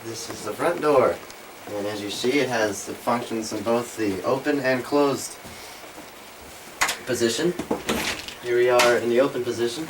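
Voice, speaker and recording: A man leads a home tour in a deliberate, mock-formal tour-guide manner, his voice set back from a camcorder's built-in mic. The old VHS tape adds clear hiss. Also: mid-range voice. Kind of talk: home-video tour narration. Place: family home, front door. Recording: hissy camcorder sound from a distance.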